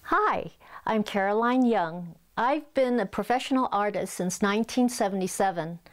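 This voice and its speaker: A woman in her sixties from Hong Kong, an artist telling her story calmly in an interview on a lapel mic. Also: mid-range voice. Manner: calm, measured storytelling. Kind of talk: documentary interview. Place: living room, indoors.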